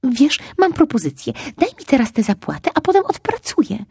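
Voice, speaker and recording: A woman voicing a greedy, weepy young fox boy who whines and pleads in a high voice. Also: lively intonation, normal speed, dark tone, no room sound, clean studio sound. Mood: eager pleading. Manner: whiny, wailing and pleading.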